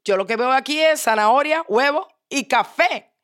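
Woman voicing a playful young daughter, bright and eager, high and lively. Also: normal speed. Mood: cheerful.

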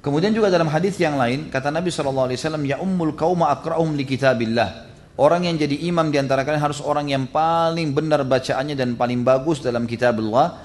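A man's voice: a little high, fast talker. An Indonesian man preaching a religious lecture, reciting Arabic texts and translating them, often asking listeners to agree. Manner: explains hadith, quotes Arabic then translates.

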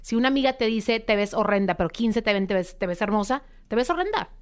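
A woman's voice: medium pitch, quick pace, smooth. A young woman, a podcast guest telling her story and acting out quoted dialogue. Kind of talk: interview storytelling.

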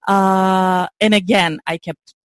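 A woman's voice: mid-range voice, steady tone, slow pace, no echo. A woman, chatting as an interview guest, laughing easily and restarting her sentences. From Romania. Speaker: guest, LinkedIn branding consultant. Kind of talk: casual interview chat.

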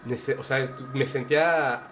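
A man's voice: medium pitch, steady tone, unhurried, a bit bright, slight background noise. Mexican man telling a story, hesitant. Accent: Mexican Spanish. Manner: earnest, hesitant with frequent fillers and restarts. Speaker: podcast guest. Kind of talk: casual storytelling.

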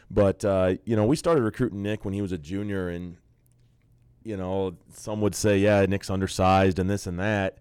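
A college basketball coach with a low-pitched voice chats easily and at length in a casual interview, relaxed and talkative, frequently restarting his sentences. The sound is clean, with no echo.

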